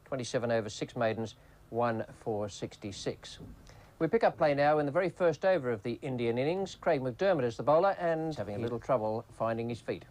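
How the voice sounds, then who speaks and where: A man's voice: medium pitch, animated, a little fast, a little mellow, poor audio. A man giving cricket commentary and summing up play in a broadcast. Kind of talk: live sports commentary and summary. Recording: archive cricket broadcast over crowd noise. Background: stadium crowd.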